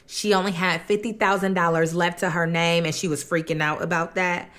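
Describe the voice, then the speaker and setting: A woman's voice: lowish voice, level tone, fairly quick, a bit bright. A woman tells a true crime story in a loose, chatty way between bites of food. Her speech is slangy and colloquial, and she acts out what each person says as she goes. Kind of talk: casual storytelling over a mukbang meal.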